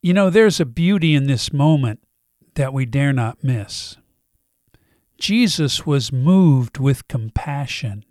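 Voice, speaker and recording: A middle-aged man, a senior pastor, delivering a sermon in a slow, deliberate way with weighty pauses. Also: mid-range voice, expressive, darkish tone, dry recording, studio quality.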